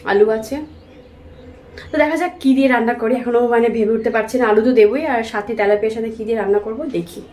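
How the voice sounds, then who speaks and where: Fast-talking woman vlogging her chores. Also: fairly high pitch, a little mellow, poor audio. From Bengal. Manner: chatty, explains chores to viewers. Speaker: vlogger and homemaker. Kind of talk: casual vlog narration. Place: home kitchen.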